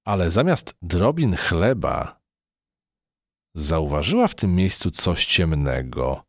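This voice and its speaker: Brief: low-voiced male storyteller, very lively delivery, dry close studio sound. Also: takes it slowly, no echo. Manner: expressive storytelling. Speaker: narrator. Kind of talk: children's audiobook narration.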